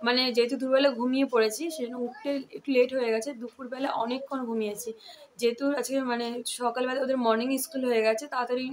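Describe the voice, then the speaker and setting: A young woman with a Medinipur Bengali tone chatting casually at home in a vlog, rushing her words with lots of fillers. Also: a little high, level tone, darkish tone. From Kolkata, West Bengal. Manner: rapid, run-on talk with many fillers. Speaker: vlogger. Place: home, indoors.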